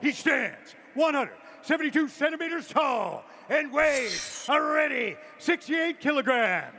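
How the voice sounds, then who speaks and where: In a fight arena full of crowd noise, a man introduces the fighters. He is a ring announcer whose booming, shouted calls are loud and drawn out.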